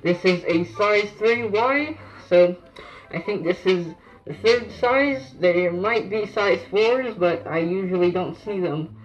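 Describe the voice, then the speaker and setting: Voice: mid-range voice, slow. Casual voice muffled through a gas mask. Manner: informal, loosely explaining as they go. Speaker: gas mask collector reviewing gear. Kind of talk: casual show-and-tell review.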